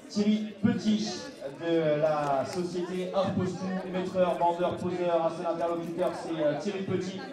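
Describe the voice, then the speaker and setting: A man announcing a race podium live, rallying the crowd and pausing often with hesitations. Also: high voice. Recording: echoey PA sound from far off with music and crowd.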